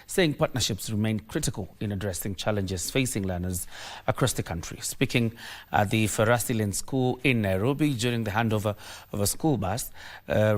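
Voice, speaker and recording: Low-voiced Kenyan male news anchor. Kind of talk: live news presenting, reading stories.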